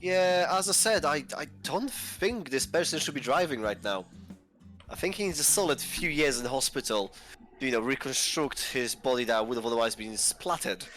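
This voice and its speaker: A man's voice: mid-range voice, normal speed, fairly bright tone, soft background music. A man from Poland co-playing a truck driving game, giving dry, mock-serious commentary in casual chat. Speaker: co-player and guest.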